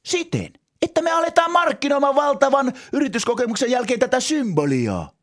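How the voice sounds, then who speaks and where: An actor playing an eccentric, pushy entrepreneur turned gardener, talking in a rambling sales pitch in a comedy sketch. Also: male voice, big pitch swings, fairly bright tone, heavily acted. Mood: earnest pitch.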